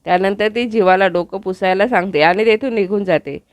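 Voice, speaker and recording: A woman retelling a TV serial episode as a steady storytelling recap, speaking close to the mic. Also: medium pitch, brisk, dry recording.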